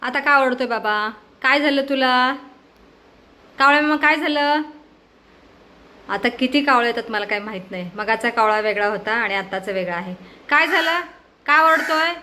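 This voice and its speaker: Middle-aged woman, home vlogger, chatty, slightly high voice, faint music behind. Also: normal speed, pushed and bright. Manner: chatty, coaxing, mixes Marathi with Hindi and English. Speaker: family vlogger. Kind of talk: casual home vlog narration.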